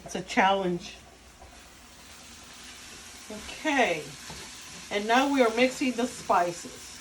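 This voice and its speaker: A woman's voice: medium pitch, animated, takes it slowly, slight background noise, poor audio. A woman with a Cuban accent giving a casual home cooking demonstration in her kitchen. She talks viewers through each step and jokes with the person filming. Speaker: home cook demonstrating a recipe.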